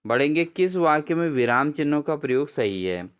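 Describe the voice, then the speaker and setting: A man's voice: on the high side, expressive, normal speed, smooth. A man teaching an exam-prep grammar lesson, asking his own questions and answering them, with repeated friendly address to viewers. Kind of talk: lesson explaining quiz answers.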